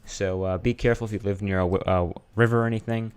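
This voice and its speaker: A man's voice: lowish voice, steady tone, fast talker, a little mellow, smooth. A man giving casual live weather commentary as a streamer, informal and hesitant, often thinking aloud as he checks his screen.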